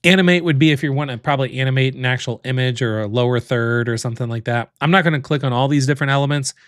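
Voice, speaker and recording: Chatty man demoing software live, dry close sound. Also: mid-range voice, very fast, dry recording. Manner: chatty, thinks aloud, many fillers. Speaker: livestream host demoing software. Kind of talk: casual livestream walkthrough.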